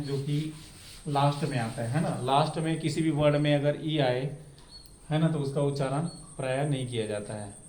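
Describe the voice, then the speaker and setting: A man gives a classroom-style pronunciation lesson at a very unhurried pace. He asks a question, answers it himself, and repeats each word over and over. The room sounds echoey, with a faint hum of background noise behind him. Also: on the high side, warm tone. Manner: slow and repetitive, asks a question then answers it, keeps adding "है ना". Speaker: teacher.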